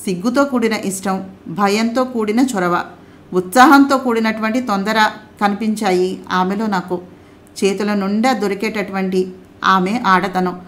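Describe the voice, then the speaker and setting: A woman narrating an audio story in a calm, measured reading voice. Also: mid-range voice.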